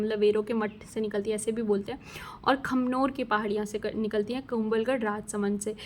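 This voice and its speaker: A woman with a slightly raised pitch teaching an exam-prep lesson. She explains patiently and repeats key words so they stick. A faint hiss sits under her voice. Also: a bit bright.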